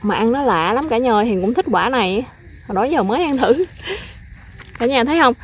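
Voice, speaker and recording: A woman's voice: a little high, lively intonation, fairly quick, slight background noise. A woman, chatting casually to viewers while picking in her garden. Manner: chatty, addresses viewers often. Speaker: vlogger, mother. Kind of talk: casual garden vlog chat. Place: outdoor home garden.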